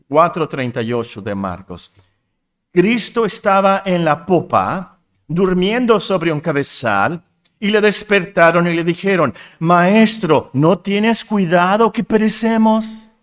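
A man's voice: sits high, a bit bright. A man preaching a sermon, explaining words with questions to his congregation.

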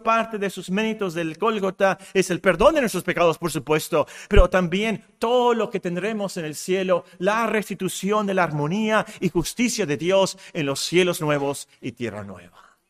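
A man's voice: high-pitched, normal speed, a bit bright. A man preaching a sermon with passion, repeating short phrases to drive points home.

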